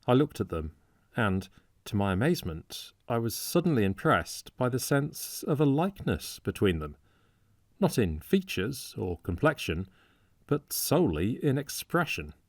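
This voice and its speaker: A man narrating a classic novel as an audiobook in a measured storytelling manner, close to the mic. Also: mid-range voice, very animated, dry recording.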